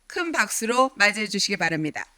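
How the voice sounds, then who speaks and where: A woman's voice: medium pitch, big pitch swings, racing, background noise. A woman working as a conference announcer, making a formal scripted introduction.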